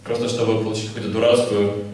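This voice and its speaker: A man interpreting a lecture into Russian, working briskly and correcting his phrasing as he goes. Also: on the low side, little pitch movement, a little mellow. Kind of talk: consecutive translation of a lecture. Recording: echoey hall, from far off.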